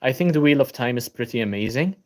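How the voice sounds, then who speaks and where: Speaking fast in a mid-range voice, this young adult from Malta, whose first language is Maltese, sounds tired as he hosts a casual book channel livestream. He sits at his laptop at home, reading viewer comments and responding. He's laid-back, says um a lot, and welcomes viewers by name.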